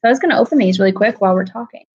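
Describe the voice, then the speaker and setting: A woman talks casually to her livestream audience from home, greeting chatters by name. Her pitch sits in a middle range. The audio is dull and lo-fi, like a home stream. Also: very fast, a little mellow, husky. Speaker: livestream host.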